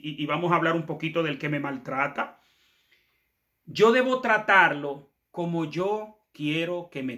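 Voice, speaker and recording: A man's voice: a little high, bright, forceful tone. A man preaching a sermon as pastor, asking rhetorical questions and acting out short quotes.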